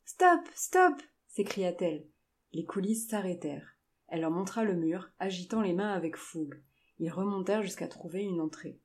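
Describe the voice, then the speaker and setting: Low, mellow woman narrator. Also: moderate pace. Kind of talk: scripted narration.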